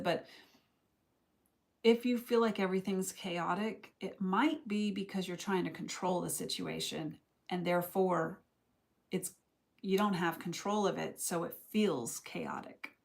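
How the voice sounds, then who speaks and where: A woman's voice: on the low side, measured pace, vocal fry. A young woman giving a casual live tarot reading, talking in a loose, reflective, rambling way. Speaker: tarot reader.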